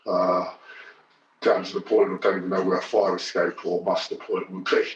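A man speaking hesitantly through a deep disguised voice as an anonymous worker. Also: flat delivery. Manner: hesitant, halting. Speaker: whistleblowing site worker. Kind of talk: anonymous interview clip. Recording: distant, dull, echoey.

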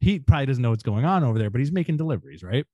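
A man's voice: medium pitch, rapid-fire, no echo, highs cut off. A man co-hosting a podcast, chatting casually about movies and acting out characters' lines. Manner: animated, acts out characters' lines. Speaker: podcast co-host.

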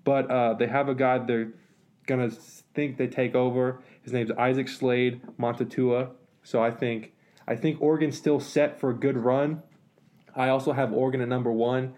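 A man co-hosting a casual sports talk show, analytical and relaxed, with many fillers and restarts. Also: mid-range voice, normal speed. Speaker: sports podcast co-host.

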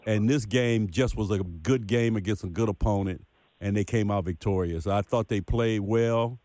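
A man's voice: on the low side, moderate pace, mellow, dry recording. A man co-hosting a casual sports podcast, talking football in an emphatic way and repeating points for effect. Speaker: podcast co-host.

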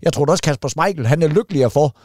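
Man, casual comedy podcast, stumbling restarts, higher pitch, dry mic. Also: a little mellow, dry recording. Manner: restarts words, swears casually. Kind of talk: casual chat.

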